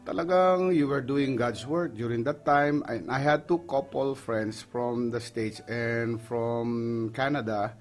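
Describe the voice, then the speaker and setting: A man's voice: medium pitch, takes it slowly, hardly any pauses, soft background music. A middle-aged Filipino man, a pastor, giving an earnest personal testimony in Tagalog mixed with English. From Philippines. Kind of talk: emotional testimony on a radio program.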